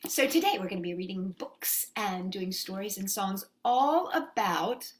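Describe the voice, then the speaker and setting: With background noise behind her, a woman hosts an unhurried children's story time in a medium-pitched voice full of lively intonation. She reads expressively, leads sing-along songs, and asks the children simple questions.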